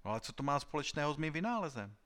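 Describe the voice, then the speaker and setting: A man reading an audiobook gives voice to a touchy young inventor who keeps pushing his voice up high and tight. He sounds agitated and pleading, an audiobook character always on the edge of outrage. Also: sing-song, a bit bright. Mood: bewildered. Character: excitable young male inventor, touchy and desperate.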